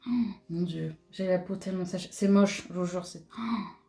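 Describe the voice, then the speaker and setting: A woman's voice: fairly low pitch, little pitch movement, moderate pace, vocal fry, mellow, soft background music. A young woman chatting casually and laughing as she does her makeup for a vlog, with lots of fillers and restarts. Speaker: beauty vlogger. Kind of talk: casual chat while doing makeup.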